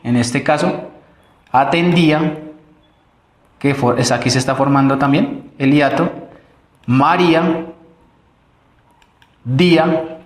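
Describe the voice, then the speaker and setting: A man's voice: medium pitch, moderate pace, reverberant. A man with a Colombian accent teaching a recorded online grammar lesson, explaining step by step with fillers and restarts.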